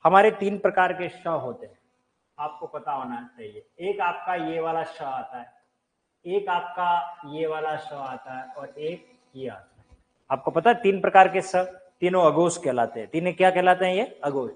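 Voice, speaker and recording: This live online Hindi grammar class comes from a teaching room with a board, where the instructor speaks in a fairly high voice, a little slowly. He quizzes the viewers he's addressing and answers his own questions; the recording quality is low.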